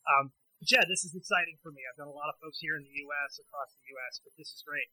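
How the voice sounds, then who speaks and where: A man's voice: fairly high pitch, fast, pushed and bright, no room sound. A man hosting a podcast interview over a bad remote connection, his voice thin and tinny like it comes through a tin can or poor cell reception, asking friendly, rambling questions. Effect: thin tin-can sound like a bad cell phone line. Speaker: podcast host. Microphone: remote call connection.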